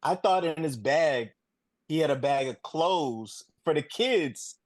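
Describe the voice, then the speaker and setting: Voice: mid-range voice, animated, takes it slowly, no room sound. Laid-back podcast guest, dry sound. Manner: laid-back, brief comments. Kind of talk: casual chat.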